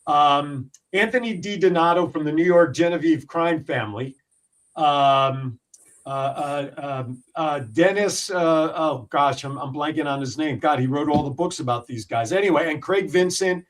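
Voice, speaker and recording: Animated, rambling male radio host. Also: a little high, normal speed, recorded from a distance, rough recording. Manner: animated storyteller, many fillers and restarts. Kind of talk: casual radio talk and storytelling.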